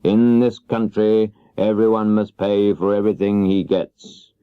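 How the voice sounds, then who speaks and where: A man voicing a stern, commanding great wizard who speaks deliberately in a children's storybook. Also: fairly low pitch, flat delivery, clear, resonant tone, dry recording, lightly acted. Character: stern, bargaining great wizard, a giant head. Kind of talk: children's audiobook character voice. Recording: dull 1970s cassette audiobook.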